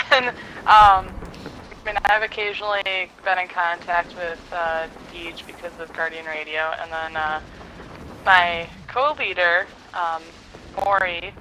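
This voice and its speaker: Man, high voice, bright tone, slow, giggly, rambling, podcast guest. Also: fairly even intonation, slight background noise, rough recording. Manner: giggly, rambling, many fillers. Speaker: podcast guest, community clan leader. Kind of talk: casual chat.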